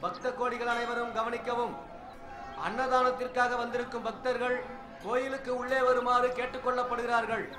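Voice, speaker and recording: An actor playing a temple announcer, calling devotees formally through a megaphone in a film drama. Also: male voice, very high-pitched, flat delivery, normal speed, over music. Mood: formal, announcing. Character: man making temple food announcements to devotees. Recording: echoey loudspeaker sound, light background noise.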